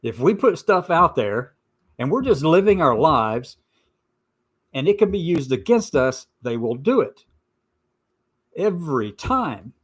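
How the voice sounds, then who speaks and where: A man's voice: fairly high pitch, big pitch swings, a little slow, pauses often, fairly bright tone, slightly rough. A man hosting an informal opinion show, stressing and repeating his points with sarcastic asides. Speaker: host of a commentary show.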